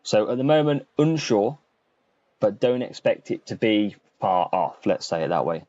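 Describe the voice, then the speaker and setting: Very animated but at a moderate pace, a man with a lowish, mellow voice commentates casually on a live gaming stream, chatting to viewers by name as the channel's streamer and host. There's no echo; the sound is muffled and lo-fi with faint music behind.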